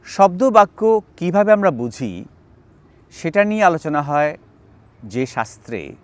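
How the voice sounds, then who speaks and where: A man's voice: on the high side, very animated, unhurried. A man from Bangladesh giving an explanatory video lecture on grammar, stressing key terms and walking through spoken examples. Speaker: linguistics lecturer.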